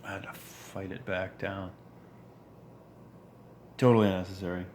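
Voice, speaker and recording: A vlogger in his forties with a deep, level, slightly mellow voice delivers an earnest, reflective monologue, pausing and restarting as he goes. A little hiss or hum is audible.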